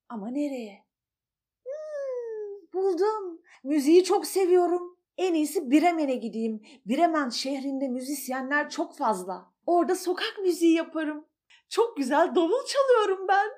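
A woman voicing a kind, music-loving old male donkey in a children's storybook, with a bright, excited manner. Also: high-pitched, unhurried, voice pushed up. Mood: hopeful.

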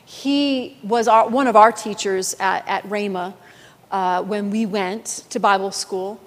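A woman pastor preaching a sermon, telling a story in a lively storytelling manner. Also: medium pitch, takes it slowly, long reverb tail.

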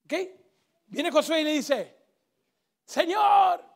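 A man preaching a sermon in a church with a Rioplatense accent, emphatic, swinging between shouts and hushed intensity. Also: very high voice, animated, moderate pace, gravelly. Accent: Rioplatense Spanish.

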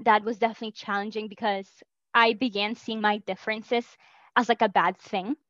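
A woman's voice: medium pitch, little pitch movement, a little fast, fairly bright tone, no echo, highs cut off. A Spanish-native woman from Peru, a guest in an interview, speaking earnestly and reflectively over a video call with many "like" fillers. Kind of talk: casual interview talk.

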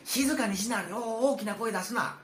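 A man's voice: high voice, brisk, fairly bright tone, slight background noise, pitched above the performer's own voice. Man doing a sly scheming Kansai master. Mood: hushed. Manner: sly, conspiratorial. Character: scheming older male master of the house. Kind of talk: rakugo storytelling. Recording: roomy with faint ambience.

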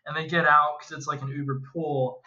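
A young man tells a long, rambling story in a relaxed podcast chat, keeping it lively as he goes. His voice is bright and forward. The audio is slightly dull and lo-fi. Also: fairly high pitch, brisk, slight background noise. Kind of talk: casual storytelling.

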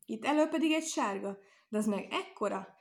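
A woman's voice: fairly high pitch, lively intonation. A woman reading aloud and voicing a sly, well-mannered male rabbit with a polite, playful manner.

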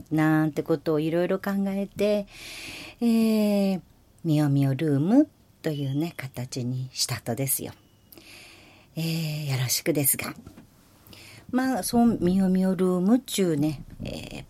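A woman in her sixties speaking in Miyazaki dialect, hosting her own podcast in a folksy, chatty way with a few hushed asides and some admitted nerves. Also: low voice. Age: 60s. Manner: nervous, self-deprecating. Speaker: podcast host. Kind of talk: casual chat.

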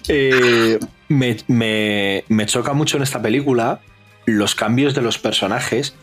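A man, co-hosting a casual film review podcast, retelling scenes with animated bits of dialogue. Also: a little slow, soft background music. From Spain. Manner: animated, acts out film dialogue in raised pitch. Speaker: podcast co-host.

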